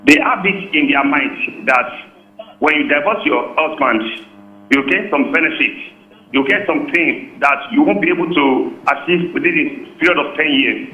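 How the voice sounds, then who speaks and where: A man from Nigeria, calling in to a talk show over a phone line and explaining his view in an earnest, steady way with small restarts. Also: on the high side, moderate pace. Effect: heard over a phone line. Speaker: caller. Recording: tinny, echoey phone line.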